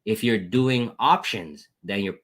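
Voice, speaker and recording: Speaking slowly in a slightly bright voice, a trading educator goes over his trades on a screen share for viewers. His manner is relaxed; "guys" and "boom" come up again and again as he calls out wins and thanks people in chat.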